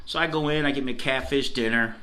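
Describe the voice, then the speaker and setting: A man's voice: mid-range voice, brisk, sharp tone. A middle-aged man from Cleveland, Ohio telling a bar story in a casual, chatty way, often laughing and checking in with "okay?". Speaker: food reviewer telling a story.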